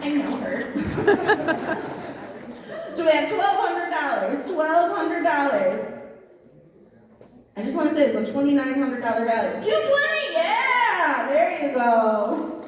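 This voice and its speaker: A woman acting as a volunteer auctioneer at a live fundraiser, playfully joking and chanting bids in quick repeats. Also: high voice, animated, a crowd in the background, background noise. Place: large event hall at a fundraiser. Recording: echoey hall, voice from far off.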